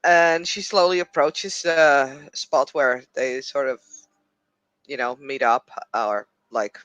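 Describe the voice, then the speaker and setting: A man's voice: mid-range voice, fairly even intonation, slow pace, a bit bright, dry recording, dull audio. Hesitant man describing his game move. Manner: casual, hesitant, filler-heavy. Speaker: player. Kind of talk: describing a character's actions in a tabletop game.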